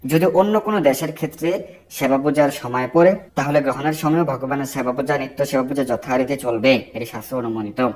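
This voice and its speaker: A man giving devotional ritual instruction in a firm, teaching manner, slowing down to chant Sanskrit mantras in a measured way. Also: mid-range voice, darkish tone. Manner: firm, didactic and prescriptive. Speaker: Vaishnava religious instructor.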